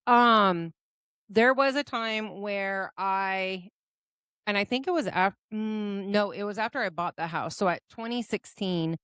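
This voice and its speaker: A woman co-hosting a casual podcast, talking in a lively, exclaiming way. She speaks at an everyday middle pitch. The sound is dry and close, with no room echo. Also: clear, resonant tone. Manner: animated, quick to exclaim and protest. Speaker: podcast co-host. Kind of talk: casual chat.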